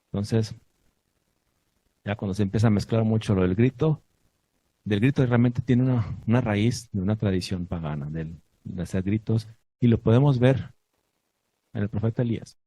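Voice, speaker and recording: A man's voice: lowish voice, moderate pace, long pauses, mellow, slightly rough, no room sound, rough recording. A man teaching a congregation in a sermon, asking his listeners questions and reciting Hebrew blessings.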